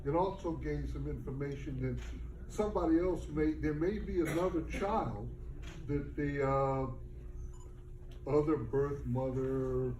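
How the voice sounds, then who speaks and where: Halting man speaking from the audience. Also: a little high, a little mellow, slight background noise. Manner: halting, rephrasing as he goes. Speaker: audience member. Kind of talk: question-and-answer remarks. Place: book launch event room. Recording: roomy sound, mic far off.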